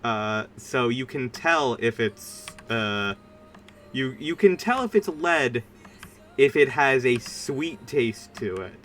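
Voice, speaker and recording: A streamer rambles through casual livestream chat while gaming, informal and emphatic. The voice is medium-pitched and animated but slow, with slight background noise.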